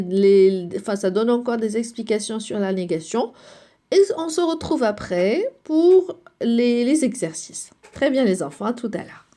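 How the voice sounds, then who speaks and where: A woman teacher giving a grammar lesson to children, slow and patient, repeating and checking with the class. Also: a little high, warm tone.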